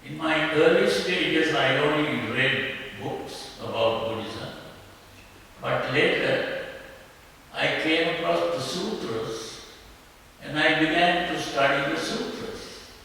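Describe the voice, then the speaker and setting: Older monk from sri lanka, slow pausing dharma talk, big reverby hall, mic far away. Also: male voice, a little high, pushed and bright. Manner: slow, measured delivery with frequent pauses and fillers. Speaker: Buddhist monk teaching meditation. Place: large hall with long reverb. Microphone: distant from the mic. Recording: echoey hall from far off, faint hiss.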